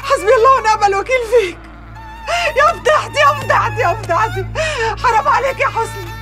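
A woman's voice: sits high, expressive, very fast. An actress playing a wronged, desperate young woman with an Egyptian accent, given to wailing, pleading outbursts. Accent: Egyptian Arabic. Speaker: film actress. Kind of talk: film melodrama acting. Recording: music score behind. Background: film score music.

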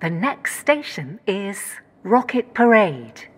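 A woman voicing an automated onboard train announcer who reads station calls in a steady, scripted way. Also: mid-range voice, takes it slowly, slightly rough, full character voice. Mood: calm.

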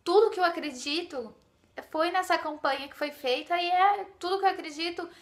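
A woman's voice: extremely high pitch, normal speed. A young woman from Brazil in her twenties chatting to the camera from her living room, heartfelt and full of fillers. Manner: chatty, heartfelt, many fillers like "sabe" and "gente". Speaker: beauty vlogger. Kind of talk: casual chat to camera. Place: living room, sitting by a sofa.

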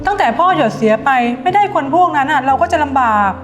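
Actress as loving middle-aged mother, gentle and coaxing; somewhat high, with a long room reverb. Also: expressive, quick pace. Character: doting middle-aged mother of a rich family. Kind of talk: short drama acting.

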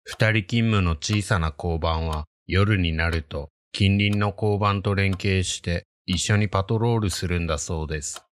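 A man reading a scripted ghost story in a hushed, creepy storytelling manner. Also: deep voice, measured pace, hardly any pauses.

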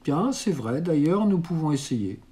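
A man's voice: on the high side, sing-song, a little slow, mellow. A man voicing a cautious little boy. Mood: doubtful. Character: young boy, cautious and reassuring.

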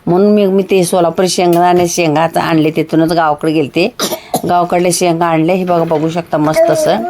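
A woman's voice: fairly low pitch, noisy background. A woman, chatting homely and repetitive while she cooks in her kitchen. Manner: homely, chatty, repeats herself often. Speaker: home cook. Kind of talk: casual cooking demonstration.

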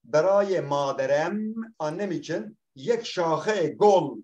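A man's voice: a little high, lively intonation, slow, darkish tone, dull audio. A man teaching a language class, reading a text aloud and translating it line by line, often repeating words and asking questions that he answers himself. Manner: explains patiently, repeats words, asks questions and answers them.

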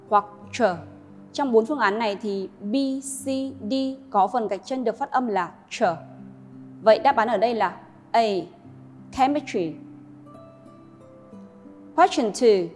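A woman teacher, slowly modelling English sounds and explaining pronunciation rules to students. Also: a little high. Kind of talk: classroom lesson narration. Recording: long reverb with faint music.

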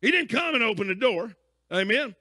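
A man's voice: very high voice, sing-song, brisk, pushed and bright. A man preaching a sermon as pastor, emphatic and folksy, often checking in with his listeners.

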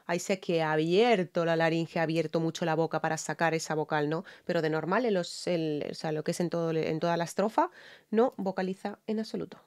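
A woman's voice: sits low, fairly even intonation, brisk, a little mellow. Chatty Spanish woman breaking down vocals. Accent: Spain Spanish. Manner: chatty, explains vocal technique with many fillers. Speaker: singer reacting to and analysing a song. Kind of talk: casual reaction commentary.

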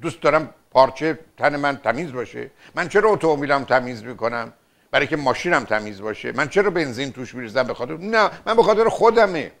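An older man with a mid-range, fairly bright voice and some vocal fry hosts a call-in advice show as a radio and TV family therapist. He lectures insistently and animatedly, firing off rhetorical questions.

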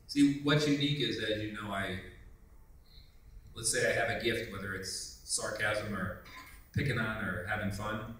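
A teasing, sarcastic man with a slightly low voice, speaking on a convention panel. He is heard from far off in an echoey hotel meeting room. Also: normal speed, a bit bright, a little hiss or hum.

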